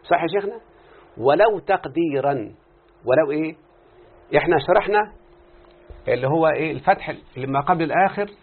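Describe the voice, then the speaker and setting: A man's voice: fairly high pitch, quick pace, long pauses. A man with an Egyptian accent teaches a classroom lesson, explaining a text and constantly quizzing his students with short questions. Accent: Egyptian Arabic. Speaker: teacher of Arabic morphology. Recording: tinny phone-like lo-fi recording.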